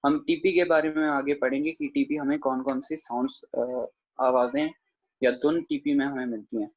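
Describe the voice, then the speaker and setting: A man giving an online lecture on scripture pronunciation, demonstrating sounds slowly syllable by syllable and speaking respectfully to his listeners. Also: a little high, slightly rough. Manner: slow, careful syllable-by-syllable demonstration; addresses the congregation respectfully. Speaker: Gurbani grammar teacher. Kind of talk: online lecture over a video call. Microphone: video call microphone. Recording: dull lo-fi video call audio.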